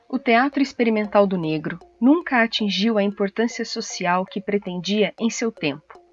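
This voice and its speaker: Casting female narrator, scripted documentary read, measured and even, slightly muffled sound. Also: mid-range voice. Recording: slightly dull audio with background music.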